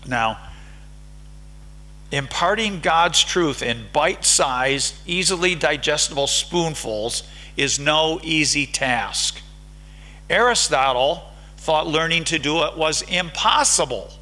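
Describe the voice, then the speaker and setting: An American man with a bright, forceful, slightly high voice delivers an academic conference lecture. He keeps the room involved by polling the audience with questions. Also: lively intonation, slow pace, poor audio. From United States. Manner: engaging, polls the audience with questions. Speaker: conference speaker. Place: lecture hall.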